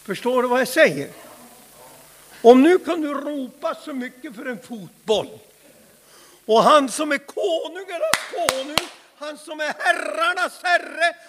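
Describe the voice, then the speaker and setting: A man preaching a fervent Pentecostal sermon, swinging from hushed asides to loud shouts. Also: very high voice. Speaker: pastor. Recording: long hall reverb.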